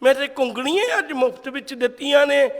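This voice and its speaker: A man's voice: extremely high pitch, expressive, a little fast, fairly bright tone, voice pushed up, heavily acted. A man quoting an orphaned young boy, speaking in an earnest, heartfelt way, in a hall. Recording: long hall reverb.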